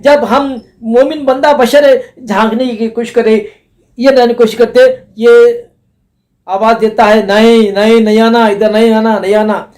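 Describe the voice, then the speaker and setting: This is a man giving a religious lesson on a hadith, with a fairly high voice. He speaks slowly and deliberately. He recites Arabic lines, then explains them, and repeats his points again and again. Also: a little mellow. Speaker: Islamic scholar teaching hadith.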